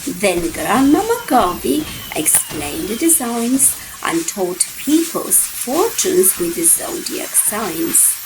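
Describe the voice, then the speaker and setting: With big swings in her mid-range voice, the woman performs a rhyming children's story, stretching out words and pausing dramatically to keep the rhythm lively. Background noise can be heard.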